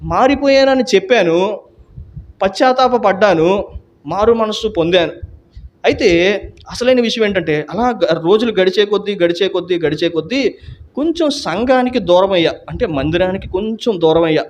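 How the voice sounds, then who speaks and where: A man's voice: high-pitched, expressive, moderate pace. A man telling his personal salvation testimony in an earnest storytelling way, with frequent restarts and hesitations. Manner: earnest storytelling that acts out quoted dialogue.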